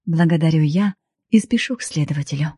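A woman's voice: low-pitched, fairly quick, dark tone, slightly rough, no echo, clean studio sound. A woman reading an emotional first-person audiobook narration in a heartfelt, pleading way. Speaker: audiobook reader.

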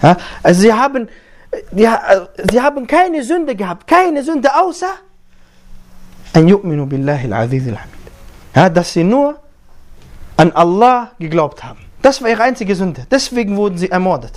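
High-voiced preacher telling a story. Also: male voice, moderate pace. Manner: animated storytelling, acting out the dialogue, quoting Arabic verses. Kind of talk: Friday sermon storytelling.

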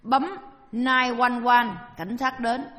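A woman's voice: on the high side, flat delivery, takes it slowly, pushed and bright. A woman giving a Buddhist dharma talk, asking her listeners questions and answering them herself with homely everyday examples. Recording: long hall reverb.

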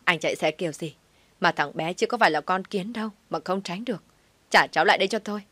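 Lady doing a shrill scolding grandma, older, frantic, low-ish voice. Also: fairly even intonation, normal speed, husky, no room sound. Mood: furious. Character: anxious older grandmother, sharp-tongued and frantic.

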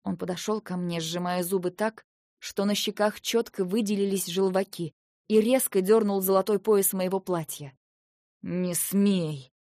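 A woman's voice: mid-range voice, fairly even intonation, normal speed, mellow, no echo, studio quality. A woman narrating a novel in the first person, reading expressively and dramatically. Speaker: audiobook narrator.

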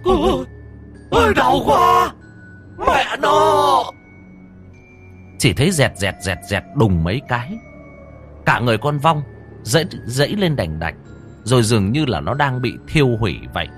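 A man narrating a ghost story audiobook with lively, expressive storytelling. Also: medium pitch, normal speed, faint music behind.

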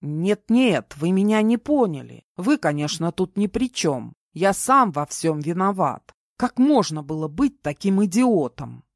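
A woman reading an audiobook voices a distraught middle-aged man who talks slowly and heavily, full of self-reproach. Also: fairly low pitch, big pitch swings, no room sound, studio quality, full character voice. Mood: pleading. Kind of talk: audiobook character voice.

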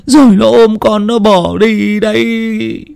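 A man putting on a wailing, gravelly old mother. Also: fairly even intonation, darkish tone, exaggerated voice. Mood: fearful. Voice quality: high, strained, gravelly. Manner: wailing lament with drawn-out cries. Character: grieving old village mother, wailing and frantic.

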